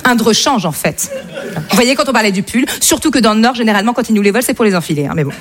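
Female stand-up, deadpan irony, noisy live crowd. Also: fairly high pitch, very fast. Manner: mock-serious, deadpan irony. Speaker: stand-up comedian. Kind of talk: stand-up comedy. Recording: live show with crowd and noise.

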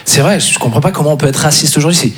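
A man doing stand-up with a hesitant, halting delivery. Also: on the high side. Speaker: comedian. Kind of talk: stand-up comedy set.

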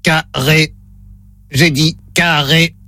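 Un farceur au téléphone qui imite une voix de robot de test téléphonique, lente et monocorde, sur un ton pince-sans-rire et mécanique. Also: male voice, no room sound, heavily acted. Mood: mechanical. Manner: deadpan, mechanical delivery. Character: slow, flat telephone test robot. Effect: put-on robot voice, slowed and lowered. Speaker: prank caller. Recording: heard over a telephone line.

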